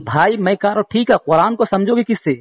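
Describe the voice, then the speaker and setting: A high-voiced man argues on a phone call, pressing his point again and again with pointed questions. His delivery is insistent and relentless, and the muffled, dull call audio takes the edge off his voice. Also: fast. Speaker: religious debater on a phone call. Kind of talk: heated phone debate.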